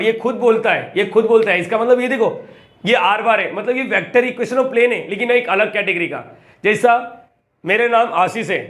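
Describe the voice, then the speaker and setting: A young man teaching maths in a chatty, coaxing way, often repeating phrases slowly as he writes. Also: high voice, fairly bright tone. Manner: chatty and coaxing, acts out student questions and repeats phrases slowly while writing. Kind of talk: classroom lecture.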